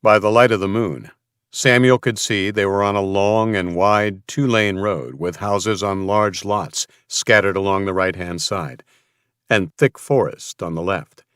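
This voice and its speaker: A man narrating an audiobook in a steady, even reading voice. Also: low voice, unhurried, clear, resonant tone, no echo, clean studio sound. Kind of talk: scripted narration.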